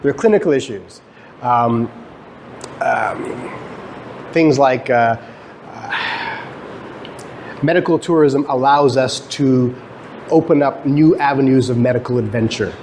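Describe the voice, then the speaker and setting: A man with a medium-pitched, darkish voice lectures slowly, leaving long pauses. Born in Guyana and now in Canada, this academic researcher explains to students conversationally, asking and answering his own questions, in a clearly noisy live lecture room recording.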